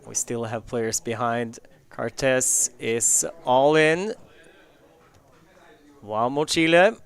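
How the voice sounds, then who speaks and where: A man's voice: mid-range voice, slow pace, gravelly, clear, resonant tone. A man giving play-by-play commentary on a live poker tournament.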